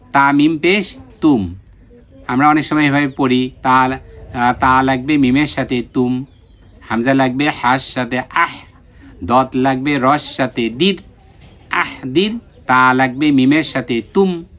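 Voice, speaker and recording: A Bangladeshi man with a fairly high voice teaches a slow, drilled reading lesson. He sounds out syllables one by one, patient and deliberate, pausing often to quiz his listeners. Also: a bit bright. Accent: Bangladeshi Bengali. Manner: patient, repeats syllables and asks questions to pupils.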